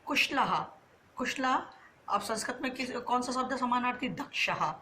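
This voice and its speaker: A woman teaching a school class, her voice bright and clear. She poses a question and answers it herself, slowly drawing out each key word. A faint hiss sits under the recording. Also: a little high, expressive. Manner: asks questions and answers them herself, drawn-out words. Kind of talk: online class lesson.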